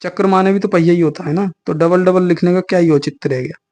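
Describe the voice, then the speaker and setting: A man teaching an online exam-coaching class, explaining patiently in a relaxed, chatty way with frequent fillers. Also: high-pitched, fast talker.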